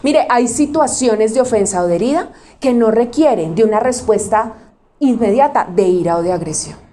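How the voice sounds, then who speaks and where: A woman's voice: fairly high pitch, expressive, moderate pace, dark tone, slight background noise. A woman pastor preaching conversationally, often asking the audience questions and acting out quotes. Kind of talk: sermon.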